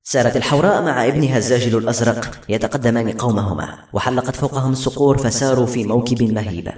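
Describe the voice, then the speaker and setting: A man narrating a novel in a brisk, dramatic storytelling manner. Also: medium pitch, a little mellow. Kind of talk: audiobook narration. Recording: roomy with faint music.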